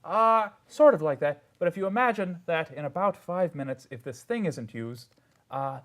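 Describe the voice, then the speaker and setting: A man with a slightly high voice narrates a tabletop game as game master. He jumps quickly from describing the scene to speaking as his characters. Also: animated, fairly bright tone. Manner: switches fast between narration and in-character lines.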